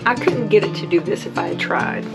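A woman chatting casually as an RV travel vlogger, playful and quick to laugh. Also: mid-range voice, expressive, loud music behind the voice. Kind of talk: casual vlog chat.

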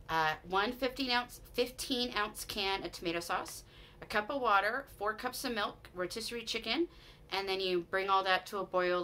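With a sharp, mid-range voice and a little hiss or hum in the audio, this Utah-accented vlogger in her forties gushes about her shopping haul to camera. She's recording in a small room at home, keeping it casual and chatty, with lots of restarts and "you guys."

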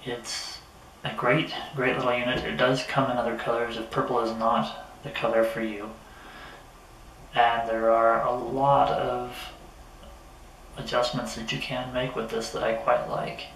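A mild, unhurried middle-aged man delivers a casual product review and unboxing while seated at a table, his voice fairly flat in pitch. The small room echoes, and the distant camera mic, a few metres off, picks up noticeable noise.

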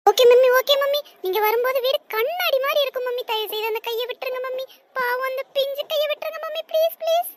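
A woman's voice: extremely high pitch, big pitch swings, normal speed, noisy background. A woman voicing a lazy, whiny teenage daughter who dodges chores, with a pleading manner. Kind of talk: cartoon voice acting.

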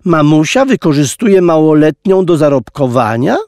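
Petty, bullying plump guard, read by a man, sneering and hissing, pitched up, dry close sound. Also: very animated, normal speed, a little mellow, no room sound.

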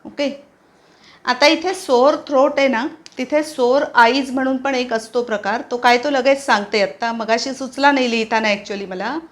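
A woman's voice: fairly high pitch, steady tone. A woman with a Marathi accent teaching English vocabulary, spelling each word out letter by letter and explaining it plainly. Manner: spells words out letter by letter, slow and careful. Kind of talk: vocabulary lesson.

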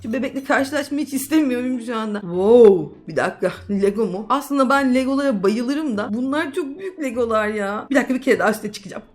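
High, excitable woman gamer. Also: fast talker, few pauses. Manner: excitable, exclamatory, chatty. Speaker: gaming YouTuber. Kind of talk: casual gameplay commentary.

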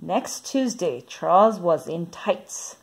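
A woman reading a children's picture book aloud, lively and expressive. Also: on the low side, slow pace, gravelly, slightly rough. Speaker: storyteller.

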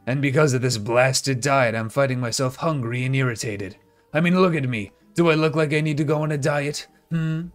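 A man's voice: mid-range voice, normal speed, soft background music, lightly acted. A man voicing a haughty, hungry god of destruction from a video game, pompous and demanding. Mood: irritated. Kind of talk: video game dialogue read aloud.

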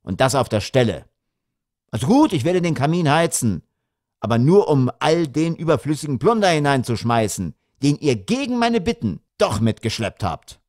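An irritable middle-aged father, played by a male audiobook reader, grumbling and indignant, with lively shifts in pitch. The sound is dry and close. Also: moderate pace, no room sound, natural voice. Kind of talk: audiobook character reading.

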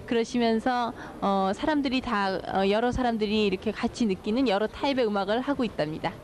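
A woman interpreting between Korean and English in a hotel lounge, speaking quickly and politely. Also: fairly high pitch, darkish tone, slight background noise. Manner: rapid, fluent, polite.

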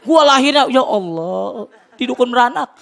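A man from Jakarta with a colloquial Jakarta accent, performing a loud, excitable stand-up routine on a TV studio stage, bursting into shouted punchlines. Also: extremely high pitch, moderate pace, vocal fry, some chatter behind. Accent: Jakarta colloquial Indonesian. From Tanjung Priok, Jakarta, Indonesia. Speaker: stand-up comedian. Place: TV studio stage with live audience. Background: audience laughter.

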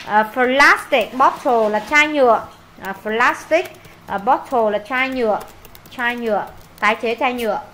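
A high-pitched Vietnamese-accented woman leads a classroom English lesson, brisk and repetitive as she drills words with her students. A faint hiss of noise sits under her voice. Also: bright, forceful tone. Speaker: English teacher. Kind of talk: classroom lesson, reading aloud and translating.

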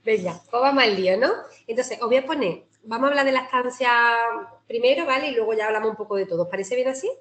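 Speaking fast in a fairly high voice, a Spanish-accented woman physiotherapist chats warmly and informally with a breastfeeding group via video call. She keeps restarting sentences and tacking on "¿no?" as a tag question.

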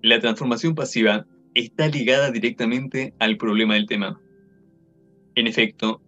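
Young man, slow verbatim textbook reading, measured, dull lo-fi webcam sound, faint music behind. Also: medium pitch, sharp tone. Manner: slow, measured, reads foreign examples carefully. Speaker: reader of an academic text.

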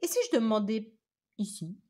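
A woman voicing a gentle, clumsy, good-natured male wolf in a storybook reading, in a lively, slightly raised voice. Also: medium pitch, normal speed, natural voice. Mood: hopeful.

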